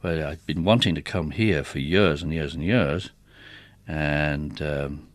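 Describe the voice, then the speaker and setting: This is a dry recording of a middle-aged man with an extremely low voice speaking slowly. A theatre organist and interview guest, he looks back casually over his working life as a musician.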